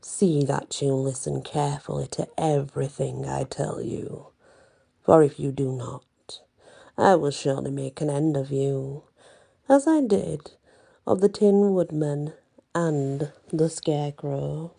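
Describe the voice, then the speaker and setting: A woman voicing a cruel, commanding wicked witch in a storybook, speaking with slow, deliberate menace. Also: sits low, creaky, mellow, voice pushed down, exaggerated voice. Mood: menacing, hushed.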